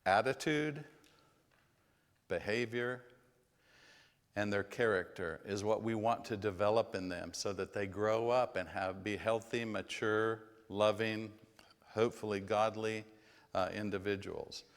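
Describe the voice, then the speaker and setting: A man's voice: lowish voice, fairly even intonation, moderate pace, big-room sound. A man leading a parenting class at a church, speaking in a folksy, conversational way with plenty of fillers. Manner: folksy, acts out yelling parents. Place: church hall.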